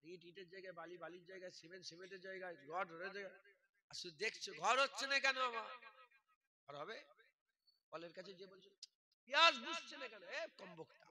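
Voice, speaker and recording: A man preaching a waz sermon, scolding the crowd with rhetorical questions and swinging from low muttering to loud shouting. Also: a little fast.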